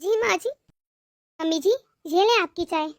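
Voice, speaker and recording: A timid, put-upon young wife in a cartoon story, voiced by a woman, pleading in a very high, thin voice. The sound is dry and close. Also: moderate pace, dry recording. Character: meek, put-upon young daughter-in-law.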